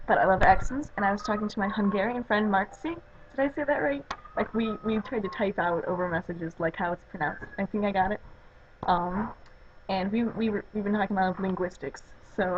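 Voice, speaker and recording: A woman's voice: medium pitch, dull audio, slight background noise. A woman from the Chicago suburbs chatting in a casual vlog and reading out a word list, rambling with lots of fillers. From Chicago suburbs, US Midwest. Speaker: vlogger.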